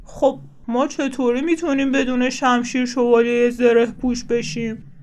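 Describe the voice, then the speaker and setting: A woman's voice: sits high, natural voice. A woman voicing a young bear friend who plays at knights in a children's storybook. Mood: disappointed. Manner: calling out eagerly.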